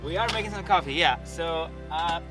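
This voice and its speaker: A man chatting casually outdoors, relaxed and agreeable, with plenty of fillers. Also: on the high side, normal speed, over music. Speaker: guest on trip. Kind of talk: casual chat.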